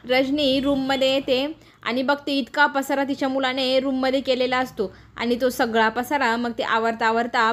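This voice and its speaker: A woman briskly retelling a TV serial episode as a story, slipping into the characters' quoted lines as she goes. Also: sits high, a bit bright. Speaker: serial recap narrator.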